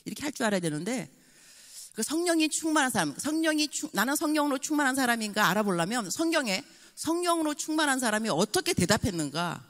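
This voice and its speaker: A woman in her sixties preaching a revival sermon as a guest pastor, lively and acting out little dialogues. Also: high-pitched, quick pace, long reverb tail. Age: 60s. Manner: animated, mixes in English phrases and acts out dialogue. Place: church sanctuary.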